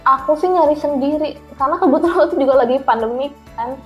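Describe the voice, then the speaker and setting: A woman's voice: sits high, quick pace, lo-fi sound, faint music behind. A young woman, casually telling her story in slangy talk and laughing often as an interview guest.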